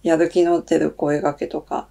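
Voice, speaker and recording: A woman's voice: deep voice, little pitch movement, normal speed, gravelly, warm tone. Chatty woman tarot reader. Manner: chatty, thinks aloud with many fillers. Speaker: tarot reader and channel host. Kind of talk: casual solo talk.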